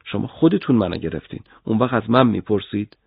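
A man's voice: fairly low pitch, lively intonation, creaky, husky, no echo, narrow, tinny audio, full character voice. A man voicing a frightened young male detainee who pleads and stammers out denials. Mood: defiant.

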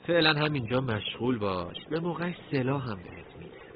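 A man voicing a friendly young man in an audiobook story, talking gently and reassuringly. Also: mid-range voice, big pitch swings, dull audio, slight background noise, close to an everyday voice. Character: friendly young man, calm older-brother type.

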